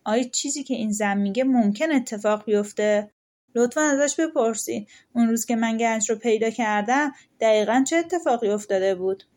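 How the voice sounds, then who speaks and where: A woman's voice: fairly high pitch, a little mellow, close to an everyday voice. A woman voicing a shrewd, cautious peasant husband who talks persuasively in a folktale audiobook. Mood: sly calm. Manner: pleading, persuasive.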